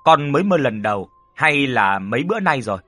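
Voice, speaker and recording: A man's voice: medium pitch, big pitch swings, a little fast, pushed and bright, no echo, faint music behind. A man voicing a stern older rural uncle who deals with spirits, grave and commanding.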